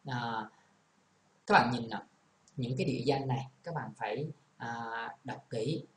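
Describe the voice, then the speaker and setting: A man's voice: mid-range voice, measured pace. A man with a Vietnamese accent teaches an English lesson, walking through each example with patient explanation. His voice sits in the middle range. It rings in an echoey room, with a faint hiss underneath. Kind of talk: classroom lesson.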